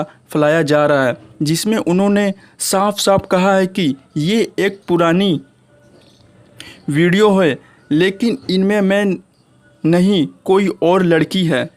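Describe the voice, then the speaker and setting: A YouTube channel host with an Indian accent offers informal gossip news commentary, repeatedly addressing his viewers as friends. He speaks in a high voice, a little slowly.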